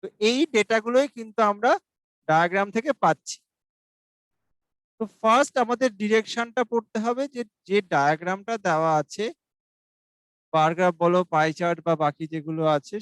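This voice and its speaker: A male mathematics teacher giving an exam-prep lesson, explaining each step slowly and reading questions aloud. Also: high voice, a bit bright, clear, resonant tone, dry recording, rough recording. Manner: asks students for doubts.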